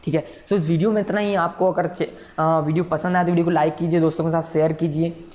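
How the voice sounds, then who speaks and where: A man's voice: on the high side, level tone, fast talker, darkish tone. Male coding instructor, patient and repetitive, keeps checking the class follows. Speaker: programming instructor. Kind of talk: recorded coding tutorial lecture.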